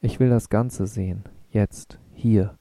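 A man's voice: fairly low pitch, steady tone, takes it slowly, gravelly, dark tone, no room sound. A male narrator voicing a frank, spirited young woman, speaking in a blunt, defiant way in an audiobook reading.

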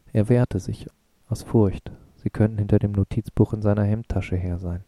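A man reading an audiobook in a measured, even way. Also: on the low side, dry recording. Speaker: narrator. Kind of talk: audiobook narration.

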